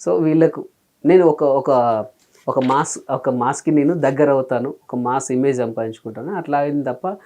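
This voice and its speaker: A man's voice: mid-range voice, moderate pace. A man, a comedian telling his story in a casual interview and acting out his own past remarks. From Telangana, India. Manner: animated, acts out his own past remarks in quoted asides. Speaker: comedian and mimicry artist, interview guest.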